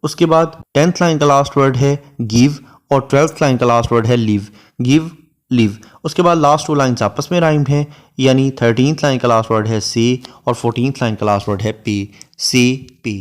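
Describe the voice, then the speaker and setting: A man, giving a literature lecture, reading English verse lines slowly and then explaining each one. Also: mid-range voice.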